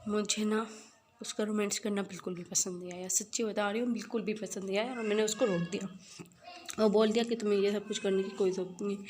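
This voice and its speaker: A young woman in a spoken story, hurt and upset, speaking softly and insistently, as a woman narrator puts her on. Her voice sits a little low and quiet. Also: fairly even intonation, fast, slight background noise, lightly acted. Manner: soft, complaining, insistent.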